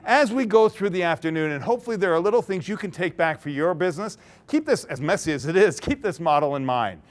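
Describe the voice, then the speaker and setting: Here a man with a slightly high voice speaks at a quick pace with lively intonation. He's delivering an interactive keynote in a large conference hall, narrating a story, voicing its characters, and often breaking into laughter.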